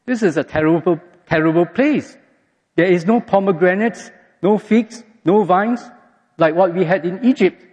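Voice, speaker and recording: A man's voice: sits high, moderate pace, darkish tone, husky, pitched above the performer's own voice. A man voicing an exasperated, sarcastic ancient complainer who moans about having no water, in a dull, echoey hall recording. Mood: whining complaint. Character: grumbling thirsty ancient desert complainer, male adult.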